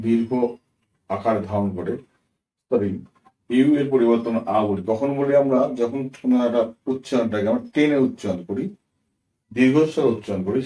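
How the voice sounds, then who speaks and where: A man teaching English pronunciation in a patient spoken lesson. He spells out example words slowly letter by letter and often checks in with his listeners. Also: mid-range voice, warm tone. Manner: patient, addresses viewers as friends, asks "ঠিক আছে?", corrects himself with "sorry". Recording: echoey room, voice a bit far from the mic.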